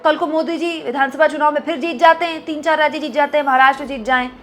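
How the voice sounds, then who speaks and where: A woman with a high, bright-toned voice delivers political commentary to her audience. She presses her point through a string of pointed rhetorical questions, and soft music sits faintly underneath. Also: steady tone, fast. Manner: rhetorical questions addressed to viewers. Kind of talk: direct-to-camera political commentary.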